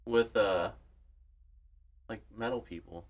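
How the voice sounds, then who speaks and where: A man's voice: lowish voice, takes it slowly, muffled recording. A young man hosting a podcast, rambling in laid-back casual chat full of fillers. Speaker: podcast host.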